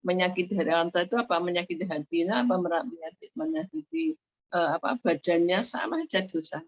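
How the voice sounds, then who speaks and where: A woman's voice: lowish voice, animated, quick pace, no echo. A woman giving an online sermon as a religious teacher, explaining her points patiently and rephrasing them often. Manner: explanatory, repeats and rephrases points, frequent fillers. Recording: dull muffled lo-fi audio.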